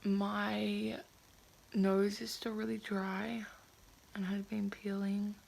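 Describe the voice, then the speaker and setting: Creaky-voiced young woman with a sore jaw. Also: mid-range voice, little pitch movement, slow pace, darkish tone, rough recording. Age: 20s. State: recovering from jaw surgery, sore puffy mouth with slightly impeded speech. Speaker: vlogger. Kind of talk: casual reflective video diary.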